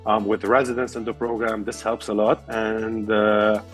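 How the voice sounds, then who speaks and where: A man's voice: on the low side, level tone, moderate pace, a bit bright, soft background music. A young man from Lebanon, a resident explaining his path as an interview guest with many fillers and restarts. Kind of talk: casual interview answers.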